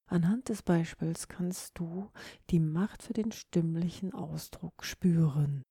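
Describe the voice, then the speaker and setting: Dark, gravelly woman hosting a podcast. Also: lowish voice, no room sound, studio quality. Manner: instructive, demonstrates word stress on example sentences. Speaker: podcast host. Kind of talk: solo podcast monologue.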